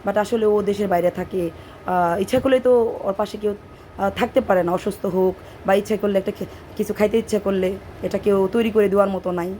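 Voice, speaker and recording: A woman with a Bangladeshi Bengali accent and a hoarse voice talks through a home cooking video, drifting into chatty side stories as she works. Her pitch sits mid-range for a woman, and faint household noise hums behind her in the kitchen. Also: steady tone, brisk, warm tone. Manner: chatty, digressive storytelling while cooking. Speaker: cooking vlogger. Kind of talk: casual cooking narration.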